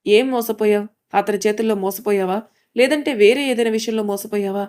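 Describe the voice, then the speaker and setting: A woman's voice: medium pitch, steady tone, fairly quick, darkish tone, close to an everyday voice. A woman voicing an outspoken young woman who talks bluntly and lectures.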